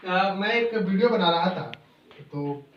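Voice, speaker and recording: A young male teacher with a high voice dictates each definition slowly, repeating words and posing questions he answers himself. He is recorded on a phone from a distance, so he sounds roomy, echoey and a little dull. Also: expressive, a little hiss or hum. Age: young adult. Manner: asks students rhetorical questions and answers them. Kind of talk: math lesson for students. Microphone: phone mic.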